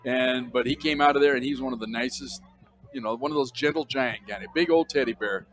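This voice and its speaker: A man's voice: medium pitch, brisk, fairly bright tone. An older man calling a college football game on radio, chatty and fond of telling stories between plays. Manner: storytelling, chatty, chuckling. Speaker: play-by-play announcer. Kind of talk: radio sports commentary. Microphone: broadcast booth microphone.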